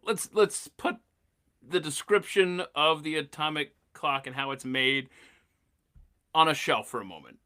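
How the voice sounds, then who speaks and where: Casting: male podcast host, forties, bright forceful tone, excitable and stammering. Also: fairly high pitch, measured pace, smooth. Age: 40s. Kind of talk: casual chat.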